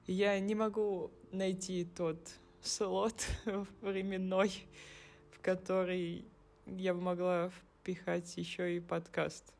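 A woman in her twenties giving a recorded personal message, rambling and correcting herself with wry humor. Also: fairly low pitch. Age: 20s. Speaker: former podcast co-host.

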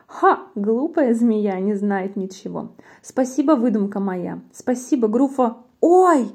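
A woman voicing a tiny, cheeky male mouse in a rhyming storybook, squeaking and bragging. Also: a little slow, creaky, husky, exaggerated voice. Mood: gleeful, startled. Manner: cheeky, excited, shouting greetings. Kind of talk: storybook reading in verse.

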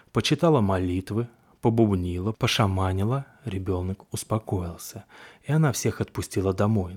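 A man reading a horror story aloud in a hushed, even storytelling manner. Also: deep voice, husky. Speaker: narrator.

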